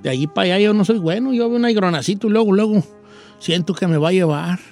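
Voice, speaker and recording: A storyteller on a comedy show, a man from Michoacán with a Mexican accent, spins a comic tale in a campy, theatrical style, calling his listeners "hija" and "chiquita." His voice is high, fast, and a little mellow, with faint music in the background.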